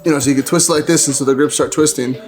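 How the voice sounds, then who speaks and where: A tired, breathless young man with a fairly high voice chats through a how-to in a relaxed, slangy way. His voice bounces around a roomy garage. Faint music plays underneath. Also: very fast. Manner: laid-back, jokey, slangy. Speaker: motorcycle vlogger. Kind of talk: casual how-to chat.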